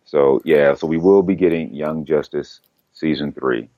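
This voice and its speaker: Very deep-voiced man in casual chat. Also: measured pace, no echo, lo-fi sound. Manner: rambling, self-correcting, laughs easily. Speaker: podcast co-host. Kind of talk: casual chat about comics news.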